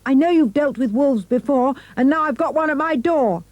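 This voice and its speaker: A woman's voice: moderate pace, darkish tone, dry recording, dull audio, natural voice. A woman doing a squealing little storybook pig. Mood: pleading. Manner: high and pleading.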